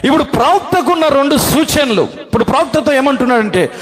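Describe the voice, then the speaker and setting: High-voiced preaching man, shouting and muttering. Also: lively intonation, brisk. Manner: call-and-response preaching, urging the congregation to answer; swings between loud shouted declarations and low muttered asides. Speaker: pastor. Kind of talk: sermon. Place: church hall with a congregation.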